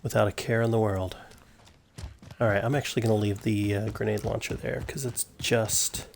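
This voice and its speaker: Laid-back American male streamer, low fry in the voice, self-deprecating, noisy game audio. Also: normal speed. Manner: relaxed, self-mocking, chatting to viewers. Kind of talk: casual gameplay commentary. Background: game sounds, gunfire.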